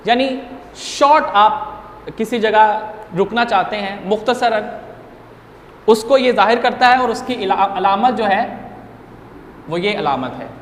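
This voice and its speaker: A man giving an online grammar lesson to students, explaining each point in a deliberate way and speaking to them directly. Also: high-pitched, animated, a little hiss or hum. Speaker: Urdu teacher. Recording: echoey room with long reverb.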